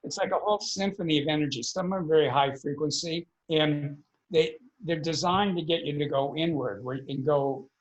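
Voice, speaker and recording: A man's voice: fairly high pitch, moderate pace, poor audio. A man, a podcast guest, earnestly explaining energy work in a conversational interview, often repeating words as he thinks.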